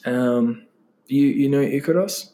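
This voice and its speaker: A man's voice: mid-range voice, slow, dark tone. Rambling man telling a personal story. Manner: loose and rambling, many "like" and "um" fillers. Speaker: interview guest.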